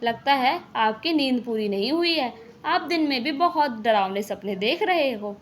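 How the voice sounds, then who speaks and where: A woman's voice: high-pitched, animated, moderate pace. A woman doing a teasing skeptical village man. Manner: teasing, dismissive.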